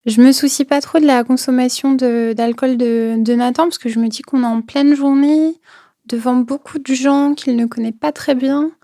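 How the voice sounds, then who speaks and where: A woman's voice: sits high, steady tone, normal speed, dark tone, dry recording, studio quality. A young woman recounting a personal experience, hesitant, with many fillers and repeated words, sometimes dropping to a near whisper. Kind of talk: personal testimony.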